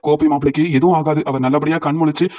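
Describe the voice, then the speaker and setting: A man's voice: fairly high pitch, fairly even intonation, racing, lightly acted. A man voicing a defiant, protective mother who insists and reassures her daughter. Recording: dull lo-fi audio.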